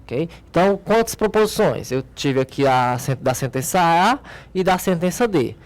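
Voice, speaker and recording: Patient Brazilian math teacher at a board. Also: male voice, on the high side, lively intonation, moderate pace. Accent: Brazilian Portuguese. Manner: patient, checks in often with short tag questions. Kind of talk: explaining a logic exercise at a board.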